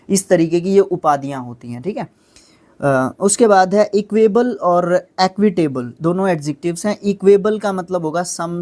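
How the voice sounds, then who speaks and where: Brief: male tutor, vocabulary lesson, patient, keeps checking in with the class, breaks words into syllables. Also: fairly high pitch. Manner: explains patiently with constant tag questions; sounds out words slowly by syllable. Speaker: English teacher.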